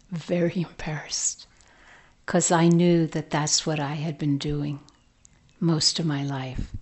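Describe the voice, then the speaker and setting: A woman telling a folk tale aloud in a gentle, slow way, with hushed whispered asides. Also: low voice. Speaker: storyteller. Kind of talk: oral storytelling.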